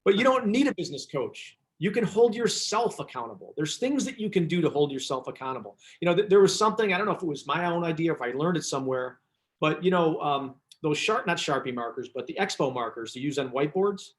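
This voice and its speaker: Man, business coach, casual storytelling, rambling, slightly high voice. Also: expressive, fast. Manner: chatty, rambling, self-interrupting. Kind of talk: casual talk, telling anecdotes.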